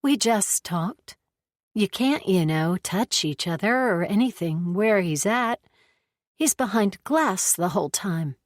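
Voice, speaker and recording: A woman's voice: medium pitch, animated, takes it slowly, no echo, clean studio sound, pitched above the performer's own voice. A woman narrator voicing a guarded, secretive young woman who gives short, evasive answers in an audiobook. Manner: terse, evasive replies.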